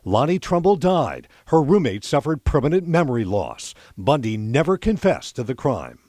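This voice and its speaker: A man narrating a TV news report in a measured, dramatic scripted delivery. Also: medium pitch, big pitch swings, mellow, no echo, clean studio sound.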